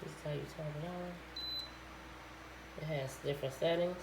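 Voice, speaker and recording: A woman's voice: low-pitched, steady tone, moderate pace, noisy background. Woman in an echoey phone video. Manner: brief, offhand remarks. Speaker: product reviewer. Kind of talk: quick casual device demo.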